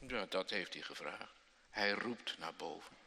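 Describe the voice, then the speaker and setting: A man preaching to children in a church, telling the story slowly and dramatically, with sudden loud outbursts and questions to his listeners. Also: low-pitched, gravelly, breathy edge. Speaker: pastor. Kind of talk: children's sermon. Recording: long church reverb.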